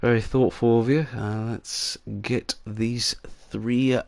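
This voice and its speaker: Slow-talking male race commentator. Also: medium pitch, no room sound. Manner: excitable, exclamatory commentary. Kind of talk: sim racing commentary.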